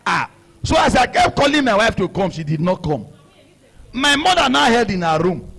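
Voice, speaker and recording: A middle-aged man with a Nigerian accent, preaching a sermon as a story, animated, laughing and shouting for emphasis. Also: high voice, moderate pace, creaky, slightly rough. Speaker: pastor.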